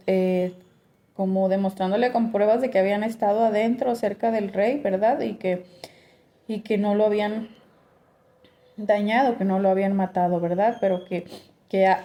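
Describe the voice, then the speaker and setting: A woman leading a beginners' Bible study, explaining passages slowly and checking in with her listeners, often clearing her throat between thoughts. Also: mid-range voice, warm tone. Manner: keeps asking "¿verdad?" as a check-in, with many filler pauses.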